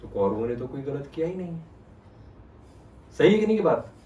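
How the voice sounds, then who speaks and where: A man's voice: fairly high pitch, moderate pace, lo-fi sound. A man giving a devotional discourse, retelling scripture and asking his listeners questions. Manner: animated, asks the audience questions. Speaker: spiritual storyteller. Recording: roomy sound from a distant mic.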